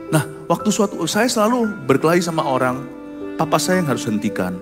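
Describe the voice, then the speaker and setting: A middle-aged pastor from Surabaya preaching and telling personal stories, swinging from loud outbursts to soft confessions. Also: male voice, on the high side, big pitch swings, fairly quick. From Surabaya, Indonesia. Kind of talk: sermon with personal storytelling. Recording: echoey hall with music behind.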